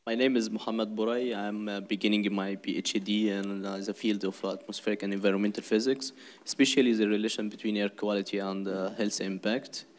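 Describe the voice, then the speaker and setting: A man from Egypt, a PhD student, introduces himself hesitantly at a workshop. His voice is low and flat. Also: a little fast.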